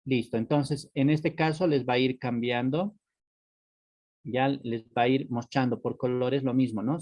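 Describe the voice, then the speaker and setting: A man's voice: medium pitch, darkish tone, no room sound. A male teacher giving an online class, explaining patiently and checking in with "¿no?" and "¿sí?" after almost every phrase. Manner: patient, explanatory, repeats words as he goes.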